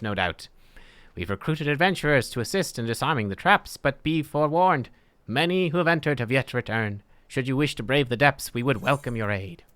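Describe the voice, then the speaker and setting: A man reading the part of a sombre expedition official in a fantasy game, formal and measured. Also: medium pitch, fairly bright tone, no room sound, close to an everyday voice. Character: sombre male expedition official warning adventurers.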